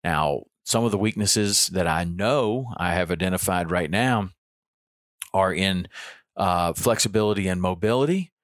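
A low-pitched man in his fifties delivers a casual solo podcast monologue at a measured pace, frequently saying um and restarting his thoughts. He's recorded in a clean studio with no echo.

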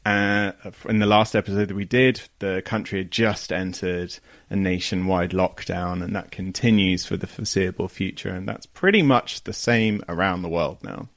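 A man's voice: sits low, steady tone, moderate pace, dry recording, clean studio sound. A young adult man hosting a podcast, chatting casually and laughing often with a guest who joins remotely. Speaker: podcast host.

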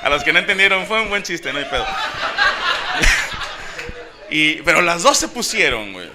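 Mexican male stand-up comic in his thirties, pitched a bit high, crude and animated; noisy live recording. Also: normal speed. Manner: crude, slangy and animated, acting out voices mid-story. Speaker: stand-up comedian. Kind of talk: stand-up comedy monologue. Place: comedy venue with an audience. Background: audience laughter.

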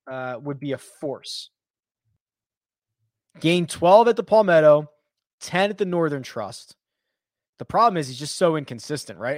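A man's voice: a little high, no echo, studio quality. A man hosting a live stream, chatting casually with loose fillers and restarts as he answers viewer questions.

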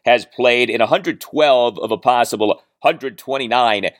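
A man's voice: mid-range voice, measured pace, no echo, clean studio sound. A man hosting a solo sports podcast, giving emphatic analysis and repeating his key points. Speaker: podcast host.

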